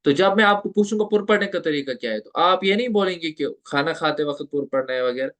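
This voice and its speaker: A patient Tajweed teacher lectures online about recitation, his higher voice expressive, a bit bright and quick-paced. He repeats points, questions the listener, and elongates letter sounds to show how they're made.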